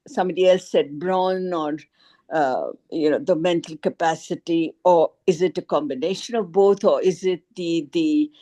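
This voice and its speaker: A woman taking part in a book club's informal video call discussion speaks hesitantly, searching for her words. Her voice is on the low side and mellow.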